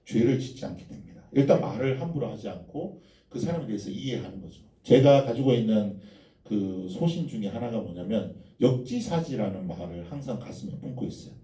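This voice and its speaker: Guy preaching, tells stories to the congregation, voice swings all over, dark mellow tone. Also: lowish voice, lively intonation, a little fast, recorded from a distance. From Gyeongsang, South Korea. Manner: storytelling, addressing the congregation. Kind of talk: sermon. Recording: echoey church hall from afar.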